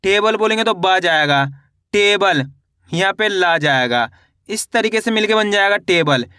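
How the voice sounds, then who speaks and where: A man teaching reading, slowly sounding out syllables and repeating each word in a question-and-answer drill. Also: high voice, animated, sharp tone, clear, resonant tone, dry recording, studio quality. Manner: addresses viewers as friends. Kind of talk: step-by-step spelling lesson.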